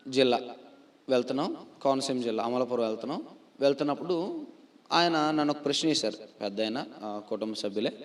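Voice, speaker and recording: A pastor with a voice on the high side preaches a sermon, asking rhetorical questions, repeating and answering them himself. He slows down to stress key phrases and swings between loud declarations and quiet asides.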